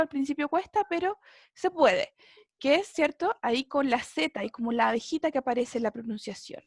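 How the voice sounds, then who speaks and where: High-voiced woman teaching English. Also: darkish tone, no room sound, clean studio sound. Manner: patient, checks in with "¿cierto?". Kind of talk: online class explanation.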